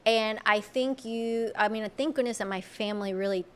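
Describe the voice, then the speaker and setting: A woman's voice: fairly high pitch, steady tone, moderate pace. A woman from Colombia, a native Spanish speaker, speaking as a podcast guest. She talks in a reflective, earnest way, often restarting her sentences. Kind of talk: casual conversational interview.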